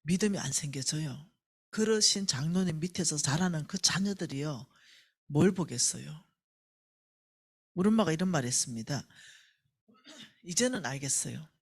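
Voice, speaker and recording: A woman with a Gyeongsang Korean accent preaches at a church revival, her voice husky and swinging widely up and down. She tells stories with energy and acts out the voices of the people in them. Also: deep voice, moderate pace, long pauses. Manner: animated storyteller who acts out quoted voices. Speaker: church ministry staff speaker. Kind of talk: revival sermon with told stories.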